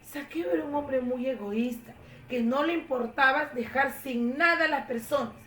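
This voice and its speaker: A woman telling a Bible story to children in an expressive, animated way. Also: high-pitched, moderate pace, far from the mic. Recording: echoey room, faint noise.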